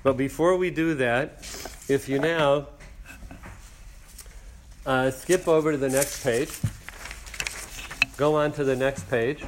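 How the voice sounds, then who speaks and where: Male teacher, mid-pitched, unhurried explaining, faint hiss behind. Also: steady tone. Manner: explains slowly, translating and counting lines aloud. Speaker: Torah class teacher. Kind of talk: teaching a text class.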